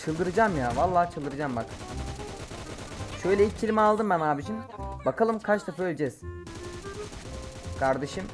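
A man giving live gameplay commentary as a mobile game streamer, excitable and quick to curse and shout at his teammates. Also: high voice, over music. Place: home, playing on an emulator.

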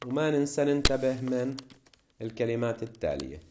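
A male English teacher with a Levantine Arabic accent, explaining vocabulary in a classroom lesson and reading word lists slowly and deliberately. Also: mid-range voice, big pitch swings, background noise.

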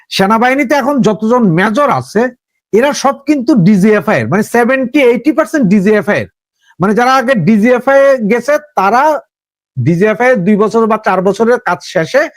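High-voiced Bangladeshi man, dry sound. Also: no room sound. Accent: Bangladeshi Bengali. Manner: conversational, addresses listener directly with rhetorical questions. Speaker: political commentator. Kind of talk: casual political commentary.

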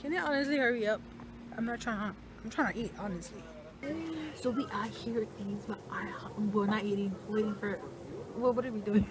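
A woman's voice: mid-range voice, a little fast. A young woman vlogging casually and playfully, switching between English and Spanish. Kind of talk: casual vlog chat. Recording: noisy phone vlog audio.

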